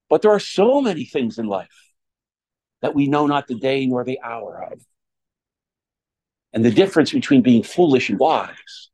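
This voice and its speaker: Man, priest, homily delivery, mid-range pitch, deliberate phrasing, emphatic pauses. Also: a little mellow, low-quality recording. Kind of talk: homily and Gospel reading.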